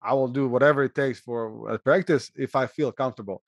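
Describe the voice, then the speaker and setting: Earnest coach, dry sound. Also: male voice, mid-range voice, a little fast, no room sound. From Croatia. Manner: earnest, adds "right?" to check in. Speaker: college throwing coach, host. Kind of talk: casual interview chat.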